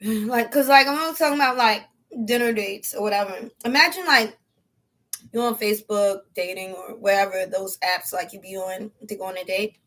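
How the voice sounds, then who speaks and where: A woman's voice: mid-range voice, moderate pace, a bit bright, poor audio. A woman talking casually on a livestream at home, chewing as she eats, with a slangy, playful, opinionated manner. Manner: chewing while talking, eating. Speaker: solo livestream vlogger. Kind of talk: casual chatty livestream monologue.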